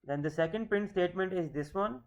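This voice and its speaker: A man's voice: sits high, a little fast. A man in his thirties with a Pakistani English accent, teaching a coding lecture patiently, repeating points and correcting himself. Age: 30s. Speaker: programming teacher. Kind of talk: screen-recorded coding lecture. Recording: dull lo-fi mic with faint hiss.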